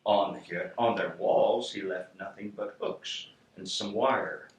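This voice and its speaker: A middle-aged or older man reading a storybook aloud like a grandfather, with theatrical, rhythmic, deliberate delivery. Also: fairly low pitch. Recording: roomy distant home recording, faint noise.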